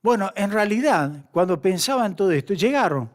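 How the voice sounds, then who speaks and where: A man with a notably high voice preaches in a church, pleading with his listeners. He slows down sharply to press home his key words. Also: sing-song. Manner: impassioned, pleading, slows for emphasis; retells a story with quoted dialogue. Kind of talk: sermon.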